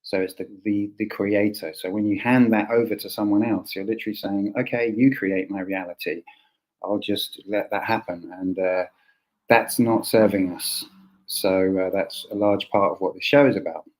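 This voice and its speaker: A man's voice: lowish voice, steady tone, moderate pace, darkish tone, poor audio. A man with a southern English accent hosting an informal roundtable, thinking aloud and often rephrasing. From Essex, England. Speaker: host.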